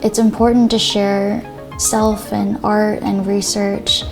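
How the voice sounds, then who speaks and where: A woman's voice: mid-range voice, level tone, slow pace, gravelly. A young woman artist answering interview questions reflectively, with searching phrasing and frequent restarts. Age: young adult. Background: background music.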